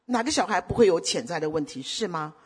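A middle-aged woman preaching a sermon. She keeps asking the congregation rhetorical questions and swings between loud exhortation and soft storytelling. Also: on the low side, expressive, quick pace, breathy edge.

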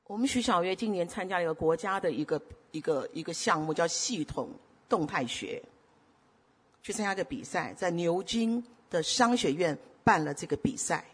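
A middle-aged woman preaching a sermon. She keeps asking the congregation rhetorical questions and swings between loud exhortation and soft storytelling. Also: fairly low pitch, husky.

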